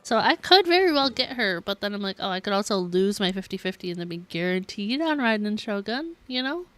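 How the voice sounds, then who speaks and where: Her mid-range voice swings widely in pitch, fairly quick and a bit bright. While playing a game on stream to game music, she rambles casually with viewers, giggling and hedging with frequent "like."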